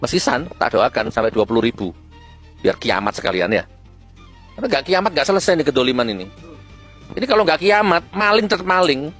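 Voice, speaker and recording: A man delivering a scornful, fiery rant with sudden high-pitched outbursts. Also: very animated, a little fast, long pauses, a bit bright, faint music behind. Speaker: preacher-style political commentator. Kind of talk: ranting monologue.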